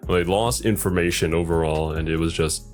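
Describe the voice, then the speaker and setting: A man giving casual reaction commentary in a musing, conversational way, like a streamer thinking out loud. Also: deep voice, fairly even intonation, moderate pace, soft background music.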